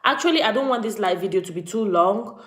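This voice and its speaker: A woman's voice: medium pitch, animated, fast, echoey room. A woman from Cameroon, chatting on a live vlog stream and greeting viewers by name. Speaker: vlogger. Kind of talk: casual live-stream commentary.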